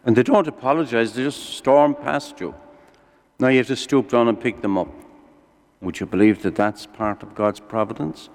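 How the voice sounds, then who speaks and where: A man delivers a sermon in the manner of a lilting storyteller. His voice sits at an average male pitch, and he puts questions to his listeners as he goes. The sound rings with the long reverb of a hall. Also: normal speed. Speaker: preacher. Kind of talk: sermon with storytelling and everyday examples.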